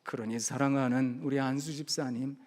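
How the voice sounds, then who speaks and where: A middle-aged male pastor preaching a sermon, telling a story with animated, acted-out quotes in a church sanctuary. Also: mid-range voice, normal speed. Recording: long reverb of a church hall.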